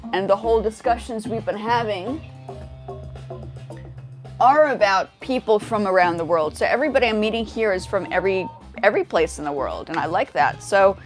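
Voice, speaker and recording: A woman from Indonesia hosting a casual livestream on a headset mic, chatting and greeting viewers by name. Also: a little high. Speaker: livestream host.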